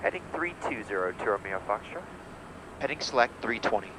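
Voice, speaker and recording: A man flying as pilot, speaking through a cockpit headset mic and giving brisk procedural checklist callouts and radio calls. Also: lowish voice, expressive. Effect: pilot talking over a cockpit headset mic. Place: small jet cockpit in flight. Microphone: aviation headset. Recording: loud engine noise in cockpit.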